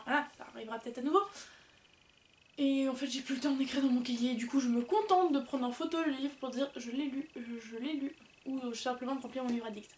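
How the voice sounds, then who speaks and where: A woman's voice: sits high, roomy sound, distant mic. A woman chatting casually and rambling as she reviews books, with many fillers. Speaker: book vlogger. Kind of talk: casual book review chat.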